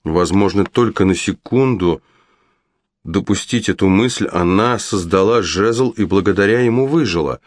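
A man reads a story aloud in a very low voice, with steady, even pacing. The recording is dry and close, with no room sound. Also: moderate pace, no echo. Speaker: audiobook narrator. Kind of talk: scripted narration.

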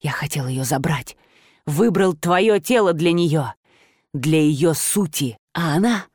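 A woman voicing a soft-spoken, menacing male master who can change his shape, in a storybook reading. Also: deep voice, expressive, husky, no room sound, studio quality, voice pushed down, heavily acted. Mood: cold. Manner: quiet, insinuating, slow.

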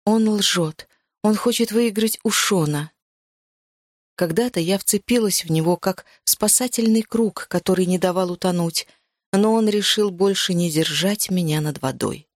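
A woman narrating a first-person novel in a measured, even storytelling manner. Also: mid-range voice, dry recording, studio quality. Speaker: audiobook narrator.

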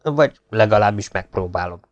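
A man's voice: on the low side, lively intonation, dull audio, natural voice. A man voicing a huge, grumpy, sleepy legionnaire who grumbles and blusters in an audiobook story. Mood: blustering.

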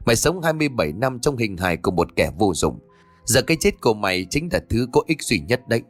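A man's voice: fairly low pitch, very animated, quick pace, no room sound, soft background music. A man narrator voicing a cold, scheming middle-aged woman who sneers and mocks. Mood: sneering. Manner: sneering, mocking.

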